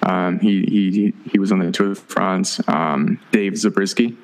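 Guy podcast host, lowish voice, super informal and effusive, thinking out loud. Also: steady tone, measured pace, vocal fry, a little hiss or hum. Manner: effusive, informal, repeats and rephrases as he reflects. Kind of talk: casual interview chat.

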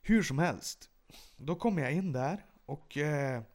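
A man co-hosting a podcast, telling lively stories and acting out shouts. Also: fairly high pitch. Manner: animated anecdotes, acts out shouting. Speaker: podcast co-host. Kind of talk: casual chat, storytelling.

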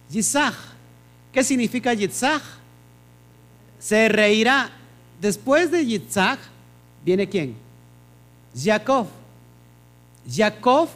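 A man's voice: high-pitched, a bit bright. A man teaches a Bible study group, firing questions at his listeners and answering them himself.

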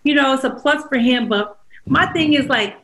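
A fairly high-voiced woman holding forth on a podcast. She talks bluntly, swears often and keeps a casual, opinionated flow. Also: moderate pace, poor audio. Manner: blunt, profane, animated ranting. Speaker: podcast co-host.

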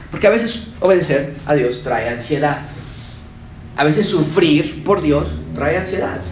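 A man's voice: mid-range voice, a little mellow. Man, sermon, emphatic, faint ambient noise. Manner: preaching with emphatic shifts and acted quotes. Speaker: preacher. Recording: roomy, distant mic with faint ambience.

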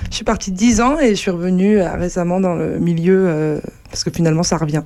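A woman's voice: lowish voice, steady tone, fast talker, mellow. A woman who runs a riding school, speaking casually as a radio guest. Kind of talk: radio interview.

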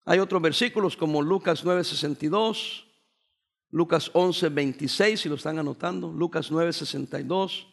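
A male pastor with a slightly high, gravelly voice delivers a sermon as an animated storyteller. He tells his stories with energy and mixes English phrases into his preaching.

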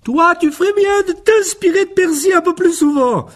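A man voicing a small, plump witch mother scolding her sons in a shrill voice, for an audiobook. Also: animated, a little slow, a little mellow, distant mic, exaggerated voice. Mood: furious. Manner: raspy, gravelly. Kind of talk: audiobook character voice.

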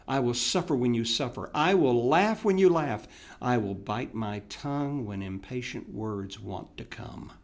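A man reading a heartfelt letter aloud as a podcast host, tender and remorseful, his voice dropping soft on key words. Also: on the low side. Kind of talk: dramatic reading of a classic letter.

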